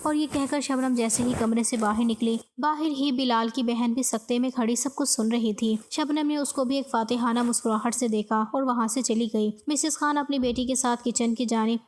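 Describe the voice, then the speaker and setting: Woman storyteller, high pitched, steady expressive narration. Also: hardly any pauses. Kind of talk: scripted narration of a moral story.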